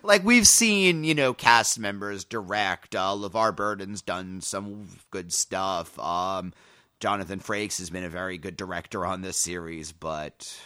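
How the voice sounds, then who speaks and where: A man co-hosting a casual podcast, making quick joking asides. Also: low voice, clean tone, dry recording. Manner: lively, jokey asides. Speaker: podcast co-host.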